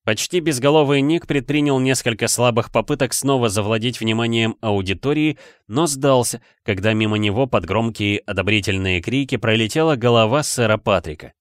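A man narrating an audiobook in an even storytelling manner on a close microphone. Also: mid-range voice, moderate pace, few pauses, no room sound. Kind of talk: scripted narration.

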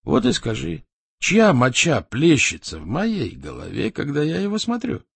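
A brooding, stubborn warlord from a storybook, voiced by a male reader, raised a little above the narrator's pitch. He presses his questions slowly and insistently in a husky voice. The recording is dry and close. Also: wildly swooping pitch, no room sound, full character voice.

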